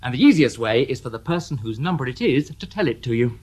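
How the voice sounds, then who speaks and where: A man's voice: medium pitch, lively intonation, fast, darkish tone, husky. An actor playing a shrewd police detective inspector in a radio drama, dry and sardonic, needling the people he questions with excessive politeness.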